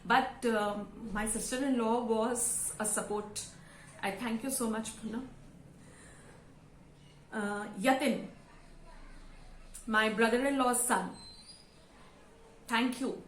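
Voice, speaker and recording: A woman's voice: fairly high pitch, steady tone, slight background noise. Emotional Indian woman, around fifty. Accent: Indian English. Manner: emotional, sincere, halting with fillers. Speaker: vlogger and school teacher. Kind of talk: heartfelt thank-you speech to camera. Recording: roomy echo.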